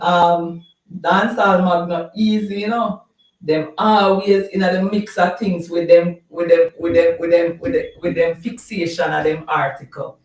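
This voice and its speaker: A Jamaican host chatting casually on a live stream, reading viewer comments and drifting between topics, often repeating words. The voice sits at a middling pitch. It sounds roomy and a little distant, as if the speaker is sitting back from the mic.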